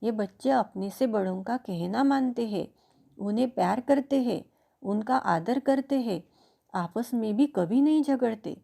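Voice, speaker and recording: A woman teacher reading a story aloud to a class, slowly and patiently, briefly voicing each character. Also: a little high, creaky, mellow.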